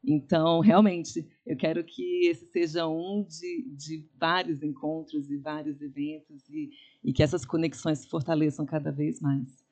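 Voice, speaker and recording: A woman's voice: low-pitched, fairly even intonation, a little slow, darkish tone. A woman with a Brazilian accent gives an informal opening address as a public health manager.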